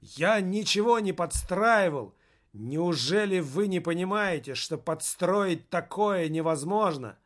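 A man reading aloud as a furious journalist, yelling in shrill exasperation at a crowd. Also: animated, takes it slowly. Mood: exasperated. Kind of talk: audiobook reading.

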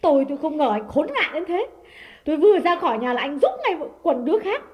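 A woman doing a shrill, furious jealous mistress. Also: very fast, in a large hall, natural voice. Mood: enraged scolding. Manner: shrill, abusive shouting. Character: furious jealous woman of the house, scolding and cursing.

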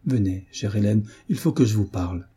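Pushy young nobleman in an old novel, husky dark voice, read by a man. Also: lowish voice, lively intonation, fairly quick. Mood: pleading. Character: tall brutish young nobleman, insistent and defiant. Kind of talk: scripted narration of a novel.

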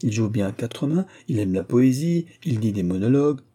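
A man's voice: mid-range voice, lively intonation, dark tone, breathy edge, pitched above the performer's own voice. A man doing a mischievous, chattering young princess. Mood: teasing. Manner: quick-witted, mischievous, playful.

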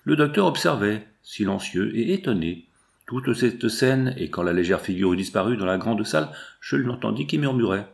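A male narrator reads a classic adventure novel aloud with measured expression. His voice sits low with a gravelly texture. The reading is steady and literary. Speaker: audiobook narrator.

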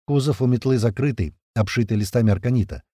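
A man's voice: medium pitch, fast, dark tone, husky, dry recording. A man narrating a first-person audiobook in a conversational tone with casual swearing, close to the mic.

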